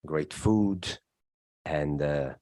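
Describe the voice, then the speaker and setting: Male guest, very low voice, dry close sound, steady explainer with filler pauses. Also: no room sound. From southern Italy. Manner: explanatory, frequent "look" and "uh" fillers. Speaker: guest, macro strategist. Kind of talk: podcast interview.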